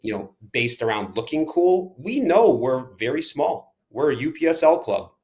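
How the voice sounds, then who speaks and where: Very animated, this Ukrainian-born soccer manager and coach responds to interview questions with strong emphasis, speeding up on some phrases and easing off on others. His voice is medium-pitched with a darkish tone.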